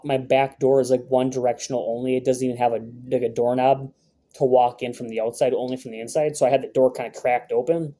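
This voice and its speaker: A man's voice: medium pitch, mellow. A young man vlogging, telling a rambling, profane story in a brash, casual way with many fillers.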